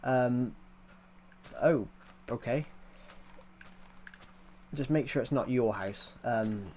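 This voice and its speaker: A man sits at his home PC on a live stream, casually rambling as he responds to chat. He speaks very slowly in a darkish mid-range voice over a faint hiss or hum, and his thick accent leans hard into the R.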